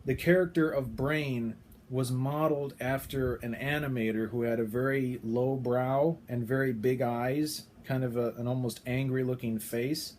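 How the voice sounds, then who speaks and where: A man's voice: mid-range voice, steady tone, unhurried, a little mellow, a little hiss or hum. A man casually explaining to camera with frequent fillers and restarts. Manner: chatty, hesitant, frequent um and restarts. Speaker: video creator.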